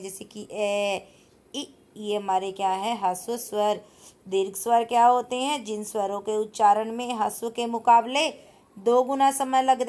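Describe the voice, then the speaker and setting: A woman's voice: on the high side, a little mellow. A woman teacher patiently explaining a school grammar exercise, repeating points and asking her pupils questions.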